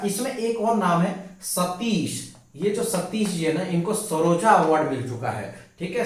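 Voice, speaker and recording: Teacher in a very echoey room. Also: male voice, fairly high pitch. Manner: repeats key words and asks the class rhetorical questions. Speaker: exam coaching teacher. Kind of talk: Hindi exam-prep lesson with memory tricks. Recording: very echoey room, mic at a distance.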